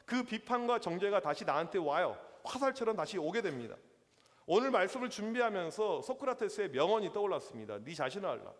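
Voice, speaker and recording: Animated young pastor preaching in a hall. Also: male voice, sits high, fairly quick. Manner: lively storytelling with acted-out quotes. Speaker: youth pastor. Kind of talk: sermon. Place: church hall. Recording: reverberant church hall.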